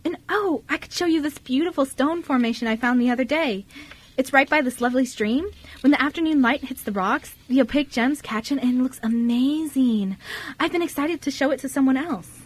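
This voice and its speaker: In an amateur radio drama, an actress plays a bubbly, friendly fifteen-year-old girl who works in her family's cafe. Her high, girlish voice is a bit husky and a little fast, and she comes across chatty, eager, and giggly with new people.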